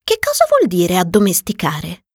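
A woman's voice: lowish voice, wildly swooping pitch, moderate pace, a little mellow, slightly rough, no echo, studio quality, heavily acted. A woman voicing a curious, earnest little boy prince in a storybook reading, asking eager, wondering questions.

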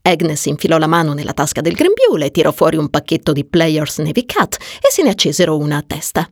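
Female audiobook narrator, lively pitch, slightly husky, dry close mic. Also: no room sound. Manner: expressive, measured storytelling.

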